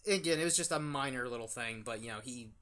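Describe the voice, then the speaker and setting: A man's voice: mid-range voice, fast talker, a bit bright. A young man hosting a casual review chat, rambling with lots of fillers and restarts. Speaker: YouTube channel host.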